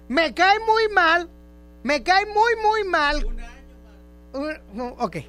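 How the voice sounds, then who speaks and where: Mexican man, radio host, high voice, bouncy animated delivery, playful teasing, clear music behind. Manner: playful, teasing, repeats himself for comic effect. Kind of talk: casual radio chat. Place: radio studio.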